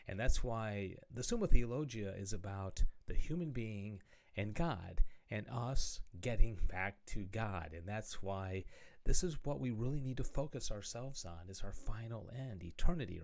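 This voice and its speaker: Man, slightly deep voice, theology lesson, reads passages and explains, casual check-ins. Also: vocal fry, darkish tone. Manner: frequent "okay?" and "right?" check-ins; conversational, earnest explaining. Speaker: religious studies teacher. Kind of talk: video lecture on theology.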